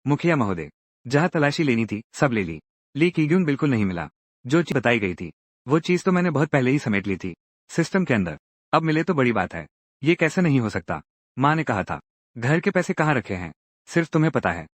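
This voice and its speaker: Lively male drama recap narrator. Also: medium pitch, brisk, no echo. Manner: lively, acts out each character's lines in turn. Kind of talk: dramatic Hindi recap narration voicing every character.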